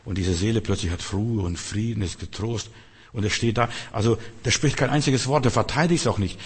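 Male preacher, low husky voice, earnest sermon, long hall reverb. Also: brisk. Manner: earnest, acts out quotes, drops to soft tones.

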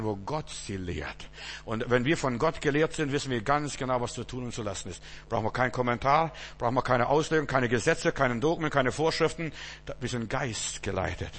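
A man preaching a sermon, swinging between loud emphatic bursts and low quiet asides. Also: long reverb tail, a little hiss or hum.

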